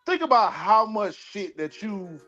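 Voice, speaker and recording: A man's voice: high-pitched, big pitch swings, measured pace, sharp tone, soft background music. Stammering man, dull lo-fi recording. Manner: stammering, repeats words while arguing. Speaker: podcast host. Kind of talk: casual chat. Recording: dull lo-fi sound.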